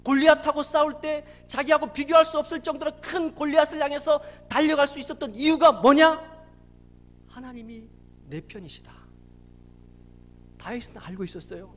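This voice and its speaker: A man's voice: very high voice, quick pace, hardly any pauses, a bit bright. A man, a pastor, preaching a sermon with emphatic rhetorical questions. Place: church sanctuary. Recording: long church reverb, faint hum.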